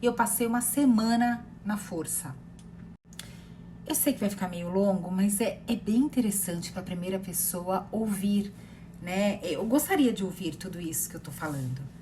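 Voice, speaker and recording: A woman in her thirties with a Brazilian accent, a therapist telling a personal story in a rambling, animated way with many fillers and repeated words. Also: mid-range voice, moderate pace, slight background noise. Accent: Brazilian Portuguese. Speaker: therapist sharing personal experience.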